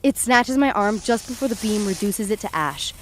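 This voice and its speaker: A woman with a mid-range, lively voice at normal speed lightly acts in an audio horror drama, with slight background noise. She plays a frightened young woman who is tripping, narrating a supernatural night in the first person with tense, dramatic dread.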